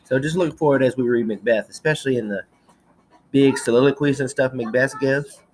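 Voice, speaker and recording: A woman's voice: very deep voice, fairly quick, a little mellow, slight background noise, low-quality recording. A woman teacher giving a recorded slideshow lecture in a chatty manner, checking in often with "okay".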